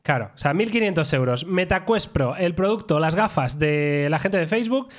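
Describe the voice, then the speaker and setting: A man's voice: on the high side, lively intonation, moderate pace. A man with an accent from Spain hosting a casual tech podcast, colloquial and playful, talking straight to listeners. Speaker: podcast host.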